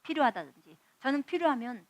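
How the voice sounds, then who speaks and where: A woman's voice: sits high, animated, fast talker, dry recording. A woman missionary preaching a testimony sermon, telling stories and acting out dialogue with animation.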